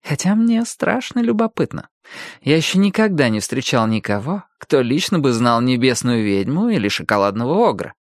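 A smooth, coaxing young ghost with courteous manners, speaking in a lively voice that rises and falls, as a male narrator puts him on. It is an audiobook read close to a dry mic. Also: mid-range voice, normal speed, dry recording. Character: smooth, charming young male skinjacker leader.

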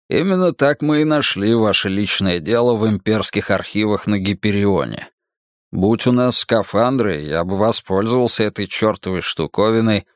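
A man voicing a matter-of-fact, mildly gruff man explaining things in an audiobook. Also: on the low side, no room sound, clean studio sound, close to an everyday voice. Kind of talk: audiobook character reading.

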